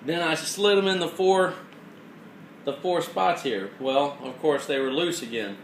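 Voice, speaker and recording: With a slightly high voice and a measured pace, a man explains a hands-on mechanical job in plainspoken, step-by-step fashion. The informal tutorial is recorded with a roomy echo and clear background noise.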